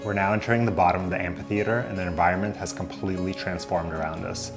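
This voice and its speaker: A man with a fairly low voice talks through a hike in easygoing vlog narration. He drifts along with loose fillers and keeps it relaxed. A clear music bed plays under the voice-over. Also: fast. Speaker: hiking vlog co-host. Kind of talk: casual travel narration.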